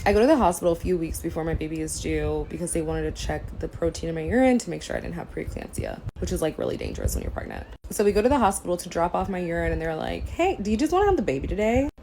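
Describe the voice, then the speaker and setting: A young woman from the United States tells a personal story straight to camera in a casual vlog. Her voice sits on the low side, and she acts out each exchange with bursts of high, loud exasperation. A faint hum of room ambience sits behind her. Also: quick pace, creaky, hardly any pauses, rough recording. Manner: animated, acts out quotes with sudden high, loud outbursts. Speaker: vlogger.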